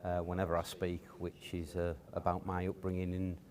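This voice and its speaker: A man, a guest telling stories from his upbringing in a relaxed, hesitant way with many fillers. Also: low-pitched, fairly quick. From Cottingham, near Hull, England. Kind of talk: casual storytelling interview.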